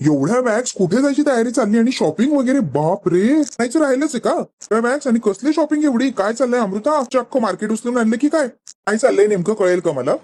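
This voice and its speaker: A man's voice: high-pitched, quick pace, darkish tone, natural voice. A man voicing a pushy, nosy woman who fires prying, needling questions to stir up a quarrel.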